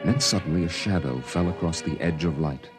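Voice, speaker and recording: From an old 1950s-style radio drama broadcast with music underneath, a man narrates in a measured, somber way as the grown boy recalling the story. His voice is deep and natural.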